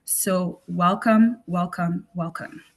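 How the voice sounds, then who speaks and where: A woman's voice: fairly low pitch, steady tone. Woman physician presenting a health class. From Cameroon. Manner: warm, measured and explanatory, with frequent ums and restarts. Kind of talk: presenting an online health session.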